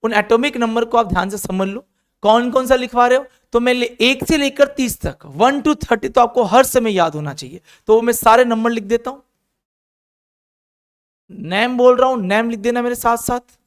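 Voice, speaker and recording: A man's voice: extremely high pitch, normal speed, smooth. A male chemistry teacher with an Indian accent giving an encouraging classroom lecture, drilling students through repeated call-and-response lists.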